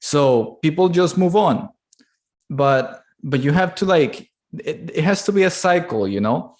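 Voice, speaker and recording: A man co-hosting a casual podcast chat, talking in animated fast bursts with many fillers. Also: a little high. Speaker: podcast co-host.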